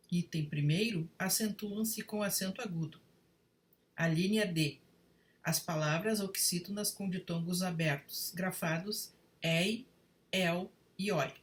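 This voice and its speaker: A woman giving a read-aloud grammar lesson, spelling out spelling rules one word at a time in a deliberate way. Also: medium pitch, far from the mic. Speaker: Portuguese writing teacher.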